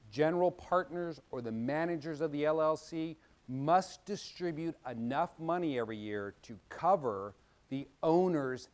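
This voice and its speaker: A middle-aged man, an attorney, giving a legal lesson in a folksy, animated way, sprinkled with personal stories and acted-out dialogue. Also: on the high side. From Washington State, US. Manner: folksy, animated storytelling, acting out quoted dialogue. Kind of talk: explanatory legal talk with anecdotes.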